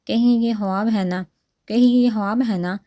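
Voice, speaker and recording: A woman voices a heartbroken young woman in a romantic storybook. She speaks in a tearful, wistful, bittersweet way, with a mellow, darker tone. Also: medium pitch, fairly even intonation, lightly acted.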